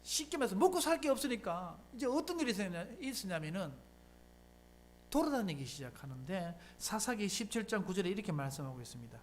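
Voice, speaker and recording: In a church sanctuary, a pastor preaches a Sunday sermon at a quick pace, his pitch swinging widely up and down. He keeps firing rhetorical questions at the congregation and answering them himself, staying conversational yet emphatic. A faint hiss or hum sits under the recording.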